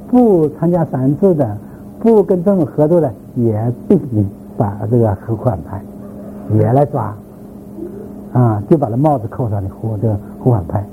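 A man's voice: medium pitch, warm tone. A man giving an informal lecture to a class, rambling with repeated words and filler sounds and putting questions to the listeners. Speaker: lecturer on church history. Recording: tinny phone-like sound, faint background noise.

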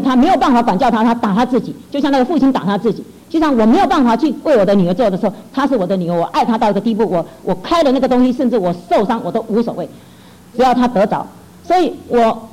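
An earnest middle-aged woman tells her church testimony at a rapid clip. Her voice sits a little high, with a mellow, dark tone, and she restarts her phrases often as the feeling carries her. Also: low-quality recording. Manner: earnest, emotional storytelling with many restarts. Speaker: church worker giving testimony. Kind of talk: personal testimony.

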